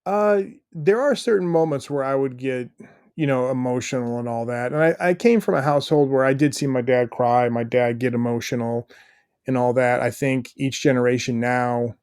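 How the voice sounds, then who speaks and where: A man's voice: mid-range voice, normal speed, a little mellow, clear, resonant tone, dry recording. Earnest man with a dry sound. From United States. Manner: earnest, rambling, many fillers and restarts. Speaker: podcast guest, stay-at-home dad. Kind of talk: casual interview chat.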